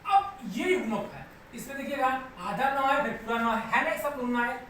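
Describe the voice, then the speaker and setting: A man's voice: very high-pitched, fairly quick, a bit bright. A man teaching a live online grammar class, patiently repeating each step and often checking that students follow. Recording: very echoey room, voice far from mic, faint background noise.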